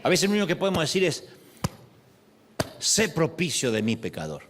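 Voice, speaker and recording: Middle-aged male pastor, fairly high voice, lively sermon delivery. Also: moderate pace, background noise. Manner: expressive, acts out quoted prayers and voices.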